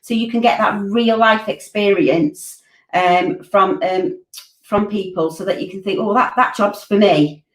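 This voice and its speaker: A woman in her forties, the curriculum director for a college, streams a Q&A from her home, speaking a little slowly at medium pitch. She handles viewer questions informally, full of ums and restarts, and her laptop webcam mic on the video call sits at a distance, making it roomy.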